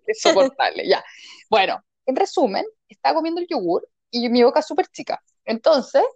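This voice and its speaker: A woman with a Chilean accent, co-hosting a casual chat and telling an expressive, giggly childhood story. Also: high voice, normal speed, vocal fry, no echo, muffled recording. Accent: Chilean Spanish. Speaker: podcast co-host.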